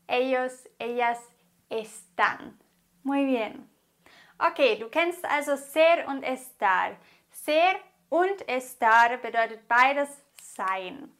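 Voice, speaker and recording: High-voiced woman teaching at a slow pace. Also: a bit bright. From Germany. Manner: slow, carefully enunciated explaining. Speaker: Spanish teacher. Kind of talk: grammar lesson.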